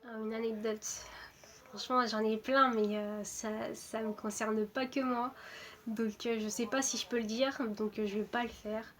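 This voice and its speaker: A woman in her twenties, from Portugal, a footballer introducing herself in a casual, hesitant way with many pauses and restarts. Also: fairly high pitch, fairly even intonation, fairly bright tone. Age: 20s. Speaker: footballer interviewed. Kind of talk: casual self-introduction to camera.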